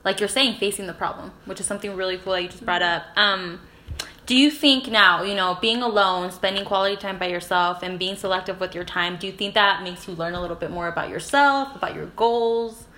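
A woman's voice: medium pitch, a little fast, bright, forceful tone. A young adult woman hosting a podcast, upbeat and encouraging toward her guest. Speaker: podcast host. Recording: echoey room, faint noise.

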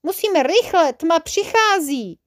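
In a storybook reading, a tiny three-year-old boy agent, as a woman narrator puts him on, pleads and urges in a high, bright little voice. He sounds eager and insistent. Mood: urgent. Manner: pleading, excited.

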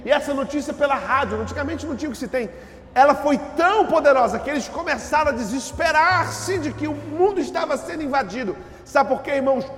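Male pastor, very high voice, sermon in a church, shouts in bursts; roomy hall with faint music. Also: fast talker, a little hiss or hum. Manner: preaching with surges into shouting and repeated phrases.

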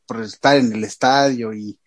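Animated Mexican man telling a story. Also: mid-range voice, normal speed. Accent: Mexican Spanish. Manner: animated storyteller, heavy slang, acts out quotes. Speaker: podcast co-host. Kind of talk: casual chat, reading listener questions.

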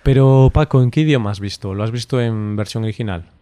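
Low-voiced Spanish man chatting casually. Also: fast, no echo. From Spain. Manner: relaxed, chatty, laughs often, hesitant fillers. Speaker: podcast co-host. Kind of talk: casual conversation.

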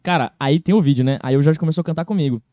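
Brief: guest storyteller, high voice, dry close sound, animated and quick. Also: male voice, dry recording. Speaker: podcast guest, singer. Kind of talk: casual storytelling chat.

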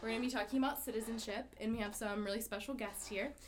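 A woman's voice: on the high side, steady tone, quick pace, a little hiss or hum. A young woman co-hosting a student podcast, opening the show and encouraging guests with frequent short responses. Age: young adult.

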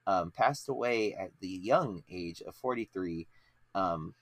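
This low, expressive male voice moves at a slow pace and is recorded dry. He's a podcast host in his late thirties chatting about movies, rambling casually with plenty of fillers and restarts.

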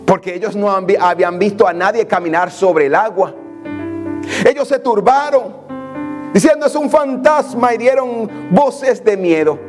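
A man's voice: sits high, normal speed, over music. A man preaching a sermon with fervor, building up through strings of repeated declarations.

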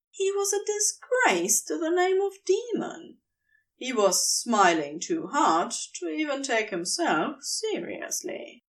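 Slow, wry woman reading fanfiction. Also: fairly high pitch, recorded from a distance. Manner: wry, unhurried storytelling. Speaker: podfic reader. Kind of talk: fanfiction audiobook narration.

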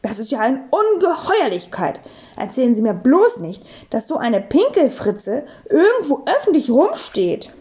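A woman's voice: on the high side, very animated, normal speed, dark tone, muffled recording. A woman voicing a scornful, stuck-up female teacher who snaps and huffs. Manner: scornful, huffy.

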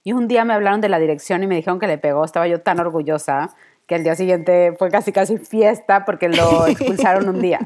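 A woman's voice: on the low side, fast talker, a little mellow. A woman, a mother, telling a story in casual chat, proud and straightforward.

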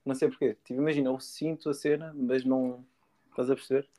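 A man's voice: mid-range voice, level tone, fast, mellow. A young man chatting casually in an enthusiastic, slangy way. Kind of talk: casual chat.

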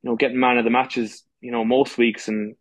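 A man's voice: medium pitch, level tone, fairly quick, no room sound. A man in his thirties from the west of Ireland with an Irish accent, chatting casually as an interview guest. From Galway, west of Ireland. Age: 30s. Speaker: podcast guest, amateur goalkeeper.

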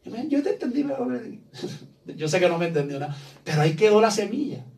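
A man preaches a sermon to his church in a high, ringing voice, pressing his points and acting out the voices of the people he quotes. He sounds set back from the microphone, with some distance in the sound. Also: big pitch swings, quick pace, a little mellow. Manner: preaches with rising emphasis, acts out quoted voices. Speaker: pastor.

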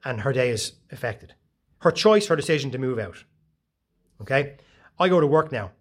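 A man, giving a casual, profane motivational talk full of animated storytelling. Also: mid-range voice, normal speed. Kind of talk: casual monologue.

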